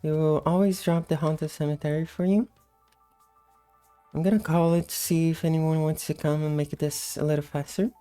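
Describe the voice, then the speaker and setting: A woman giving casual, unhurried gameplay commentary in a sleepy, just-woke-up morning voice. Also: low voice, fairly even intonation, dark tone, clean tone, soft background music. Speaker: gameplay host.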